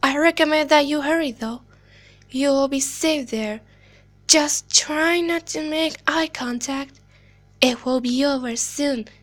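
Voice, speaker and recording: Voicing an eerie animatronic clown girl for a video game monologue, an amateur woman voice actor uses a high, girlish pitch. Her hushed, deliberate storytelling slips into whispers and sounds sweet yet sinister, like a slowly shared secret, carrying an urgent warning.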